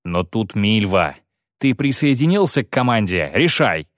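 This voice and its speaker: A man voicing a gruff, weary male monster hunter who talks in clipped, grim phrases. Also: lowish voice, sing-song, measured pace, no echo, clean studio sound.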